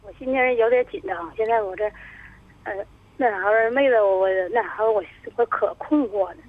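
A woman, calling in to a radio show and talking in a halting, rambling way. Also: fairly high pitch, dry recording. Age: 50s. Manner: halting, rambling, stumbles over words. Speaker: caller. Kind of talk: radio call-in, telling her troubles. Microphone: telephone. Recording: tinny dry phone line.

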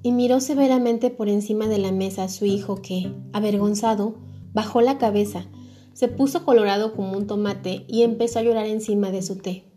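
A woman narrating a storybook in a calm, measured way. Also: medium pitch, faint music behind.

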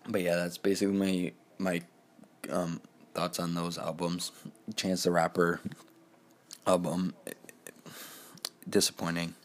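An eighteen-year-old man talks on his own in a loose, rambling way, circling back with fillers and restarts. His voice sits very low and stays flat, with little rise or fall. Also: measured pace, pauses often. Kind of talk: casual solo talk.

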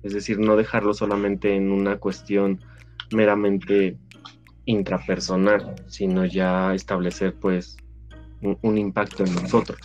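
A man's voice: sits low, monotone, unhurried, darkish tone. A man, reflecting and thinking aloud in casual chat. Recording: slightly muffled, faint music.

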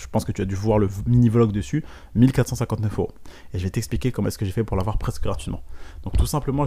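A young man talks at a brisk clip, his voice low and mellow. He tells his story straight to the listener and jumps into quick little voices for the people in it. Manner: addresses listener directly, quotes dialogue with lively voices. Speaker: podcast host, business coach. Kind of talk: casual storytelling monologue.

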